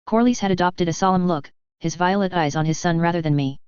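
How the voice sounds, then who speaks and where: Brief: woman narrator, steady audiobook read, lowish voice, dry close-mic sound. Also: quick pace, smooth, dry recording. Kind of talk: first-person audiobook narration of fan fiction. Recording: dull lo-fi recording.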